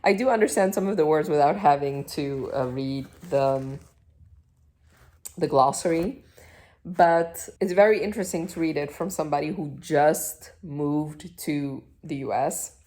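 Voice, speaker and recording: Young woman vlogging from her couch, low voice, rambly and chatty, lots of ums. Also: measured pace, mellow. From Iraq, raised in the Netherlands. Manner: chatty, rambling, lots of fillers and self-corrections. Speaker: book vlogger. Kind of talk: casual chat to camera. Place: at home on a couch.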